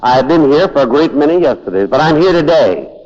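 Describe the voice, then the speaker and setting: A man's voice: a little high, lively intonation, fast talker, a little mellow. A man giving an inspirational lecture to an audience in a hall, emphatic and driving home points by repeating words. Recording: dull lo-fi recording with long hall reverb.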